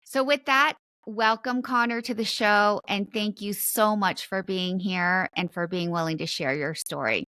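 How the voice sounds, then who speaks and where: A woman's voice: medium pitch, measured pace, hardly any pauses, sharp tone, clean tone, no room sound. A woman in her fifties hosting a podcast, telling family anecdotes in a chatty, casual way with light fillers. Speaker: podcast host. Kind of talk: casual storytelling interview.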